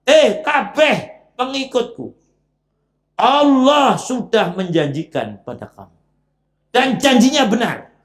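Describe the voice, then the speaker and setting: A Javanese-accented man voicing the devil as a loud, high, brash speaker who taunts his followers in hell during a sermon. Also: big pitch swings, slow, pauses often, echoey room, full character voice. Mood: taunting.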